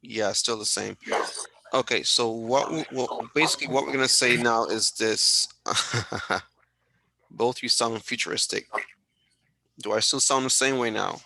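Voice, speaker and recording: Mężczyzna prowadzący webinar przez połączenie wideo, mówi z kaznodziejskim zapałem i powtarza hasła dla podkreślenia. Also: male voice, mid-range voice, unhurried, gravelly, sharp tone, slight background noise, rough recording. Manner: preachy, rallying, repeats for emphasis. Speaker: host. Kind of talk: motivational webinar hosting. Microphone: video call.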